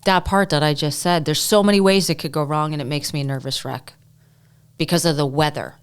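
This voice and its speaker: A woman co-hosting a podcast in casual chat, upbeat, with quick reactions and banter. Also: low-pitched, steady tone, smooth. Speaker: podcast co-host.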